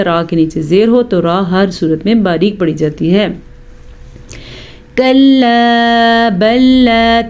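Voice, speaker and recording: A woman teaching tajweed. She explains each rule step by step and recites the verses slowly with long, melodic vowels. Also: mid-range voice, darkish tone. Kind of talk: tajweed lesson.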